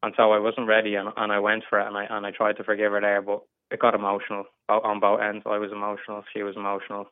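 An English caller in his twenties phones in for casual advice, hesitant and stammering through many restarts. His lowish, smooth voice is delivered completely flat and fast, with hardly any pauses. The phone line sounds tinny, with no echo.

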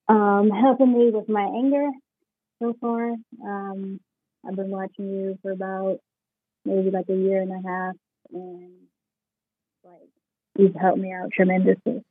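A woman's voice: medium pitch, fairly even intonation, takes it slowly, pauses often, a little hiss or hum. A woman in her thirties calling in, hesitant and full of fillers, her voice muffled as if heard through a wall. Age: 30s. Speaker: caller. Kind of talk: call-in conversation. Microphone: phone held away from the mouth. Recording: muffled tinny phone line.

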